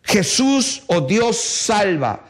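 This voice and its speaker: A middle-aged male preacher delivers a sermon in a high voice. He speaks slowly and deliberately and keeps putting emphatic rhetorical questions to his listeners. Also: sing-song.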